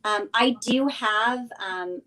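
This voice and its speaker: This business coach, a woman guest-sponsoring a remote live stream, speaks slowly in a high-leaning voice that sounds pushed and bright. She explains details informally and encourages viewers to act, all over poor audio.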